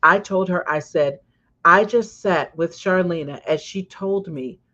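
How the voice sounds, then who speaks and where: A woman hosting a casual talk show as a coach, telling stories with lively swings when she quotes people. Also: lowish voice, measured pace. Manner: animated storyteller, swings loud when quoting. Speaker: podcast host and coach. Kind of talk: casual chat. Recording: slightly dull lo-fi sound.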